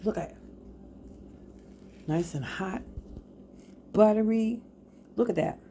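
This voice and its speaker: A woman's voice: medium pitch, slow pace, warm tone, breathy edge. A woman chatting casually to her viewers while baking at home in her kitchen, sometimes with her mouth full. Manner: chatty, talks to viewers while cooking, hums while tasting; talks with mouth full at times.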